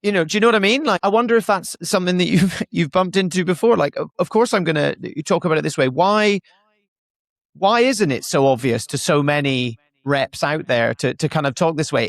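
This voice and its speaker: A man's voice: a little high, dry recording. Man hosting a podcast, rambling questions. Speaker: podcast host. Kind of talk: casual interview questions.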